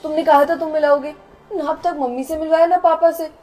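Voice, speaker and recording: A haughty young woman, played by an actress, who scolds and sneers at the poor in a shrill, very high voice. She speaks in a melodramatic web skit style, with faint music under her lines. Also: fairly even intonation, brisk, dark tone, lightly acted. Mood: uneasy. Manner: scolding, contemptuous, shrill outbursts. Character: snobbish, scornful young woman, rude to the poor. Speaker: actor in a short skit.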